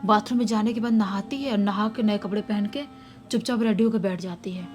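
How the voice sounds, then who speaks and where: A woman casually retelling a subscriber's horror story in a lively way, acting out the shouted quotes. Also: medium pitch, brisk. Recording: faint music underneath.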